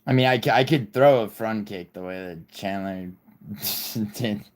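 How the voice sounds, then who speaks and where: A young man born in Italy and raised in New York City hosts a casual livestream, rambling, swearing and reading viewer chat aloud. His voice is lowish and he speaks a little slowly.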